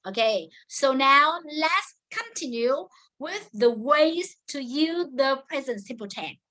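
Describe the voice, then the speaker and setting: Lady teacher, high bright voice, goes slow over english words. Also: expressive. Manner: mixes Vietnamese and English, drills words slowly. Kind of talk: online grammar class.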